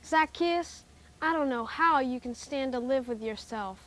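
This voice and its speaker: Woman as Simon, a high-voiced defiant townsman. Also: measured pace, fairly bright tone. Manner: blunt, indignant. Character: defiant, honest townsman Simon, wronged male taxpayer.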